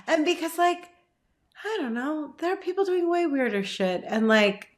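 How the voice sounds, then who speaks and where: A woman's voice: high-pitched, animated, normal speed. A woman actor talking as a podcast guest in a casual, gushing way, laughing easily. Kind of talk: casual chat.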